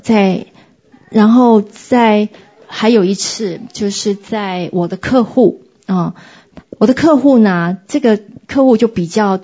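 A woman recounts her faith experiences earnestly, pausing often as she reflects. Her voice is husky and mellow, with a darker, softer tone. The recording sounds dull and slightly lo-fi. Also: medium pitch. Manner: earnest, reflective, with many hesitations. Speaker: church member sharing testimony. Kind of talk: personal faith testimony.

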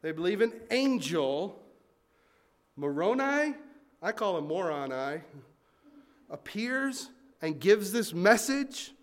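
High-voiced man preaching a sermon. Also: takes it slowly, pauses often. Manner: animated, conversational preaching with asides. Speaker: pastor.

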